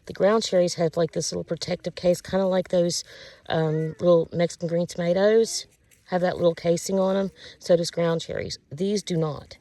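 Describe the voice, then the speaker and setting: A woman giving a casual, folksy walking vlog, talking to viewers in a halting, rambling way. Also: fairly low pitch, fairly even intonation, dark tone, dry recording. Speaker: vlogger and outdoor guide. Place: outdoors on a rural field and hollow trail. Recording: outdoor handheld recording with faint noise.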